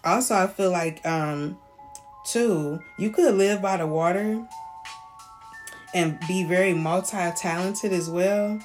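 A woman's voice: on the low side, slow pace, darkish tone, soft background music. A woman giving a casual spoken reading, chatty and loose, often checking in with "okay?" and laughing lightly. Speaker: tarot reader.

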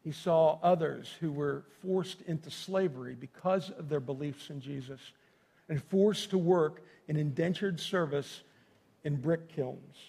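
This pastor's voice is a little high, mellow and unhurried, with vocal fry and a breathy edge. Delivering a sermon to his congregation, he talks straight to them in an emphatic, folksy manner and repeats phrases for effect.

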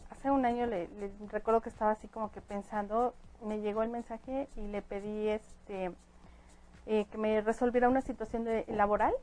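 A woman giving calm, explanatory spiritual advice about angels as a guest on a chat show. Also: mid-range voice, moderate pace, rough recording. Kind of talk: casual chat.

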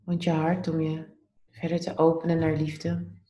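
A woman leading a guided meditation in a calm, soothing, gently instructive way. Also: deep voice, unhurried, echoey room.

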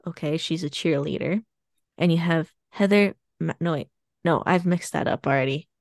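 This podcast co-host has a deep voice and talks at a normal speed, casually retelling a plot with plenty of fillers and laughter. There's no room sound, and the audio is studio quality.

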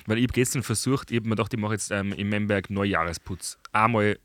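Fast-talking animated man. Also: lowish voice, very noisy. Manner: animated storyteller, acts out dialogue. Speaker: podcast host. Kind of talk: casual chat.

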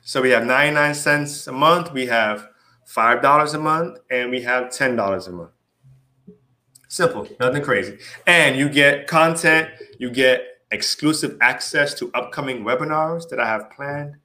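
A man with a bright, forceful voice hosts a casual podcast chat. He talks in a playful, pumped-up way and keeps checking in with his listeners with "right?" and "you know what I mean". He sounds loose and upbeat. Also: medium pitch, normal speed. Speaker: podcast host.

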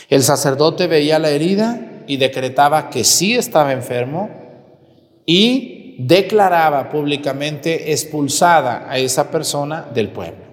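A Mexican priest preaching a lively sermon in a slightly high voice, often putting questions straight to the congregation. His voice carries a long reverb through the church hall. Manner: animated, asks the congregation questions directly.

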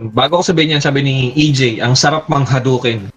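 A man's voice: mid-range voice, fast, over music, poor audio. A young Filipino man with a Filipino accent, co-hosting a podcast in an easygoing chat and calling his friends "pre". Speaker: podcast co-host. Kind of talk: casual chat among friends.

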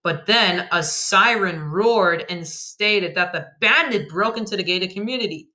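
A storyteller narrating a dramatic first-person tale, emphatic and given to loud outbursts. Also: medium pitch, unhurried. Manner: emphatic, shifts from flat telling to loud outbursts.

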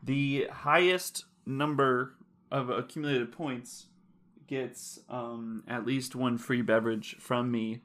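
A man's voice: mid-range voice, fairly even intonation, slow pace, a bit bright. A man hosting a casual podcast chat, laid-back and teasing. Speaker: podcast host.

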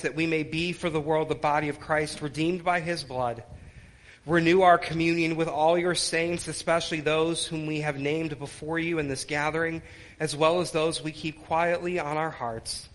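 A man speaking as a pastor leading worship, with solemn, measured phrasing in short clauses, in a sermon and liturgical style. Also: on the high side, little pitch movement, a bit bright, low-quality recording. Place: church worship service.

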